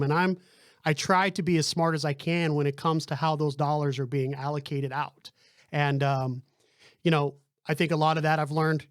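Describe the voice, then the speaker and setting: A man's voice: on the high side, no echo, studio quality. A man hosting a podcast, talking casually and often checking in with "right?". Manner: chatty, lots of fillers and "right?". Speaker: podcast host.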